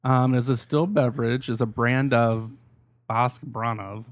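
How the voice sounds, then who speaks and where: A man's voice: mid-range voice, steady tone, unhurried, no room sound, clean studio sound. A man hosting a podcast in casual chat, talking in a blunt, salty, conversational way. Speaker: podcast host.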